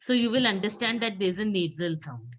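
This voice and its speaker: A woman's voice: medium pitch, animated, fairly quick, a bit bright, slight background noise. A woman teaching an online French class over a video call, patiently repeating words for her students.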